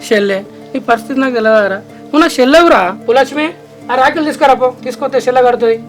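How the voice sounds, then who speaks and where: A woman playing a caring village brother, rapid. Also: sits high, soft background music, natural voice, low-quality recording. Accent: Telangana Telugu. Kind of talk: village family drama acting.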